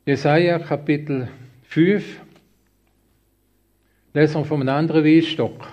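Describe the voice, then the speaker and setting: A middle-aged man preaching a sermon in a plain, homely storytelling way, with halting restarts. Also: fairly high pitch, fairly even intonation. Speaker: lay preacher. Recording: dull lo-fi recording.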